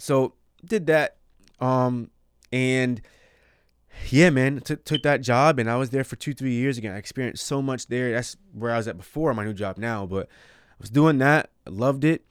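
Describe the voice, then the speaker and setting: A man hosts a casual faith podcast, telling stories with energy and often stumbling over repeated words. His voice sits in the middle range and comes across smooth and crisp. The recording is dry and close, with no room sound. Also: medium pitch, no echo. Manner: animated storytelling with frequent repeated words and laughs. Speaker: podcast host.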